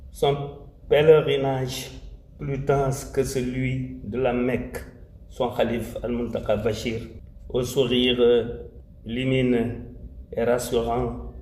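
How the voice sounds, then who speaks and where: A man's voice: mid-range voice, a little mellow. A man with a Senegalese French accent gives a formal commemorative address in a solemn, emphatic way. He repeats key phrases and slips Wolof phrases into his French. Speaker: religious community speaker. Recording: roomy echo, faint ambient noise.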